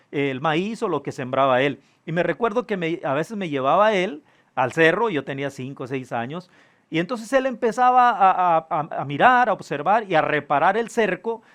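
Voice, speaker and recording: A man preaching a sermon, earnest, calling his listeners brother, often halting with fillers and restarts. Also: on the high side.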